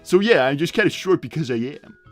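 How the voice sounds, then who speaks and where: In improvised livestream banter, a man voices a short, crude cartoon hedgehog dad, lightly acted. His slightly high voice swings widely in pitch as he rambles in a self-deprecating way, oversharing matter-of-factly in a halting, repetitive manner, with faint music behind him.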